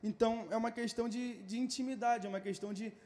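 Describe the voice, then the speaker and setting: A man's voice: very high-pitched, steady tone, quick pace, a little mellow. A young man from a youth ministry, earnestly explaining scripture in a casual church chat. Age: teens or young adult. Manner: earnest, quoting scripture, some laughing. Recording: long hall reverb.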